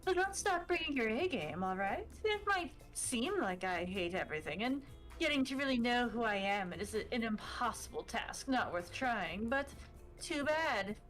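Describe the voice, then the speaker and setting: A woman voicing a brooding goth female ghost killer in a dating game, in a wispy, breathy, sardonic voice. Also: on the high side, big pitch swings, normal speed, a bit bright, soft background music, poor audio.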